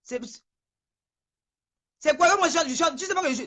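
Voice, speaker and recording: A high-voiced woman furiously ranting on a phone live stream. She trembles with anger, repeats her insults again and again, and stammers when the words pile up. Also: measured pace, sharp tone. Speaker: livestreamer. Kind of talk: angry livestream rant.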